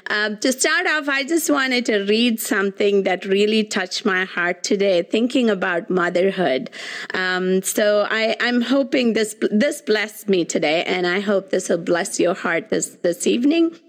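Woman podcast host, gushy and heartfelt, lots of ums, mid pitch. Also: unhurried. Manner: warm, effusive welcomes with frequent ums. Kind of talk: casual podcast chat.

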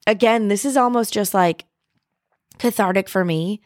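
A woman's voice: mid-range voice, normal speed, darkish tone, no room sound, clean studio sound. A woman in her thirties hosting a casual solo podcast, chatty and reflective, with plenty of "like" and "um" and the odd swear word. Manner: chatty, reflective, heavy use of "like" and "um"; candid, with occasional swearing. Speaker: podcast host.

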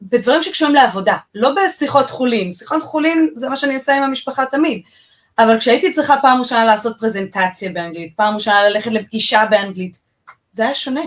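Podcast co-host: woman, Israeli accent, slightly high voice, emphatic conversational delivery.

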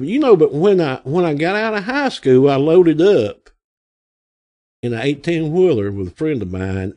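A man in his sixties from Arkansas, with a medium-pitched, dark-toned voice and an Arkansas accent, appears as an interview guest. He tells casual, rambling folksy stories and acts out the voices of the people he quotes.

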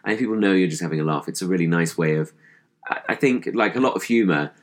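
A man in his thirties from England with a posh voice, talking in a deadpan, self-deprecating way as a guest in a casual interview. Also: deep voice, quick pace.

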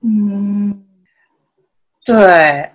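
A woman, a native Japanese speaker with a Japanese accent in Mandarin, chatting casually as an interview guest in halting, simple phrases with repeated words. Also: mid-range voice. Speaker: podcast guest, self-taught Mandarin learner.

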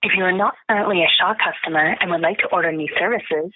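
A woman's voice: lowish voice, a little hiss or hum. Woman's phone menu voice over tinny line. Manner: measured, formal phone menu delivery. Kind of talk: scripted phone menu announcements. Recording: tinny, narrow telephone line.

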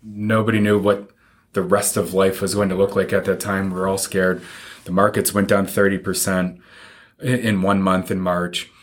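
Male financial advisor as interview guest, low voice, plain-spoken and informal, explaining conversationally. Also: flat delivery, normal speed.

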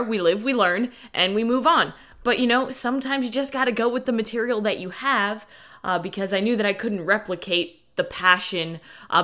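A woman's voice: fairly low pitch, pushed and bright. A woman hosting a podcast as a coach, talking casually and motivationally to listeners in informal, lightly sweary language. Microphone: dedicated podcast microphone.

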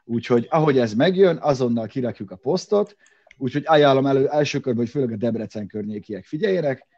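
A man's voice: medium pitch, a little mellow, highs cut off. A man co-hosting a casual car show, talking in rambling bursts with fillers and restarts. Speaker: podcast co-host. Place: separate room from co-hosts.

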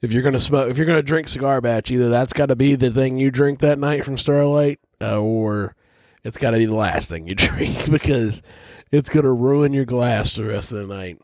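A man's voice: medium pitch, moderate pace, a little mellow, no room sound, clean studio sound. A man hosting a casual whiskey tasting, talking bluntly and rambling, with frequent swearing. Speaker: whiskey reviewer host.

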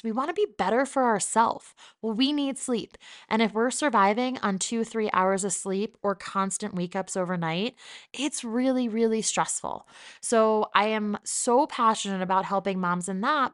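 A woman in her thirties from New Jersey, hosting her own podcast in a chatty, upbeat and candid solo monologue. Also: medium pitch. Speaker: podcast host.

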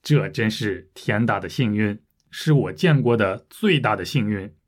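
A man's voice: on the low side, animated, a little slow. Patient male Chinese-lesson podcast host. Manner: clear, patient, explains words for learners. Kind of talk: Chinese learner podcast, reading news twice.

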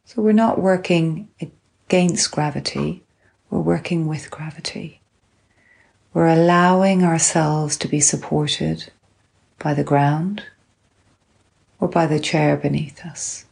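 A woman instructor calmly and gently guiding a grounding exercise, unhurried, with long pauses between phrases. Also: low-pitched, creaky. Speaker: guided relaxation instructor. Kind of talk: calm guided grounding exercise.

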